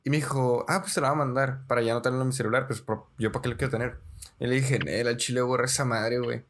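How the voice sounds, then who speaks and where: A young man, a podcast co-host telling stories in slangy, animated casual chat. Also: mid-range voice, fast, slight background noise. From Mexico. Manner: slangy, says "güey" constantly, animated storyteller.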